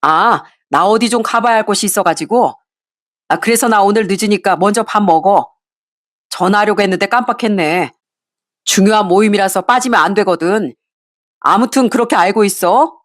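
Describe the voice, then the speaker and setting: A woman's voice: mid-range voice, moderate pace, no echo, clean studio sound, close to an everyday voice. A woman voicing a flustered middle-aged husband caught cheating, stammering and pleading. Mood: evasive.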